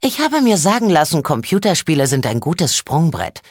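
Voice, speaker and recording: A woman playing a haughty, teasing high elf in a comic video game, mocking and wry. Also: big pitch swings, normal speed, slightly rough, no echo, studio quality, heavily acted. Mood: wry musing.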